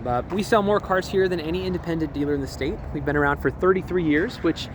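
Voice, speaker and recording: A young man casually walking through a vehicle at a car dealership, with an easygoing manner, frequent laughs and quick asides. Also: a little high, background noise.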